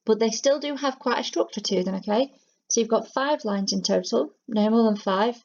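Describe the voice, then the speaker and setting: A woman's voice: mid-range voice, a little mellow. A woman working as a teaching assistant, explaining a lesson in a friendly, chatty way with plenty of fillers. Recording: dull lo-fi home recording.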